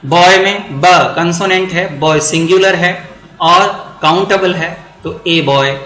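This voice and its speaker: A man teaching English grammar for exam prep, repeating words slowly to drill pronunciation. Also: sits high, pushed and bright, reverberant, low-quality recording.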